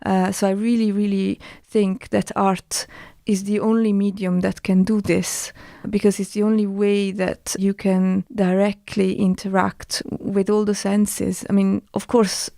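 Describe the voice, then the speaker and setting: A woman from Italy with an Italian accent, a guest artist talking thoughtfully with many pauses and restarts. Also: mid-range voice, little pitch movement, gravelly, dark tone, dry recording, studio quality. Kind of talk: casual discussion.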